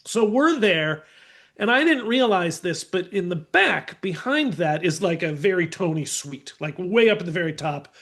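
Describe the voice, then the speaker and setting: High-voiced man telling lively stories. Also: moderate pace. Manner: animated, acts out voices in anecdotes. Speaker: podcast guest. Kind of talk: casual storytelling.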